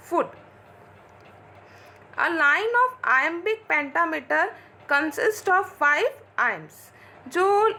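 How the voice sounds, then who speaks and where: A woman teacher with an extremely high, pushed, bright voice delivers a classroom lecture that mixes Hindi and English. She explains slowly, posing questions and then answering them herself.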